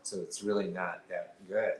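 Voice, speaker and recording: A man's voice: low voice, fairly even intonation, moderate pace, echoey room, slight background noise, rough recording. A man co-hosting a casual live stream chat, rambling with lots of fillers and restarts. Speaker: co-host.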